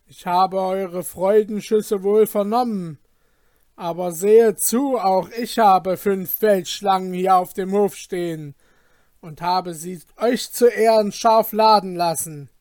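A wrathful knight bellows his warning, as a male reader puts him on, every phrase hurled out with raised pitch and full force. The voice stays dry and close, with no room around it. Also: fairly even intonation, takes it slowly, dry recording. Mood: thundering threat. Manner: loud, commanding shouting. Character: male knight, thundering and furious.

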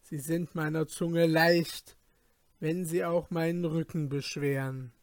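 A storybook reader voicing a joyful male court physician declaiming flattering verses in an effusive way, in a dry recording. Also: medium pitch, slow pace, no echo, voice pushed down.

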